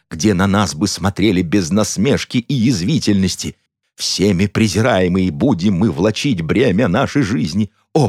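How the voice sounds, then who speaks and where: A man reading an audiobook plays a gloomy, pompous count with a sardonic, gruff manner. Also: lowish voice, no room sound, studio quality, heavily acted. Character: gloomy pompous middle-aged count, turning coarse.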